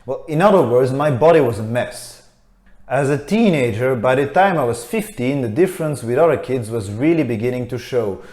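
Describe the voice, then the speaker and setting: A man's voice: medium pitch, animated, moderate pace, darkish tone. A man in his thirties from Belgium, narrating his own story as a vlogger in a candid, matter-of-fact and self-deprecating way. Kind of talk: scripted personal narration. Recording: roomy echo.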